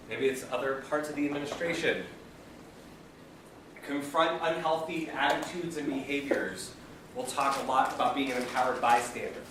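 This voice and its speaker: A man leading a peer education training session in a training room, speaking energetically and asking the group questions. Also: mid-range voice. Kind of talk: classroom training lecture. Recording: echoey room, mic far off, background noise.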